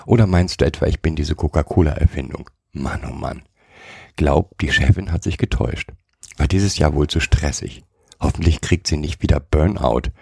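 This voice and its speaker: A man doing a croaky little gnome, cheeky and rude, very deep gravelly voice, dry close sound. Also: moderate pace, warm tone, dry recording, full character voice. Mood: grumpy, cheeky. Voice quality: croaky, says "ey" constantly. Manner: brash, rude street slang. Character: cheeky little fat male gnome, slangy.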